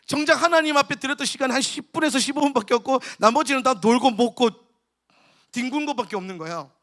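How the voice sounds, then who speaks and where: A male pastor, preaching a lively storytelling sermon to a youth camp and acting out the people he quotes. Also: very high voice, fast talker. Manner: storytelling, acts out quotes with shouts and laughs. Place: church hall at a camp.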